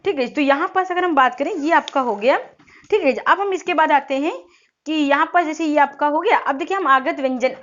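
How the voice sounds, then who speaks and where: Woman teacher, high-pitched, step-by-step explaining, sounds out letters, frequent check-ins, muffled lo-fi recording. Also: a little fast, a bit bright. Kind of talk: exam-prep lesson. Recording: dull lo-fi audio.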